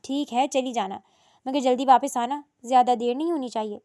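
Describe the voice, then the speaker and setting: Woman doing worried middle-aged mother, firm, reproachful, higher voice, audio storybook. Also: fairly even intonation, mellow, lightly acted. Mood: stern.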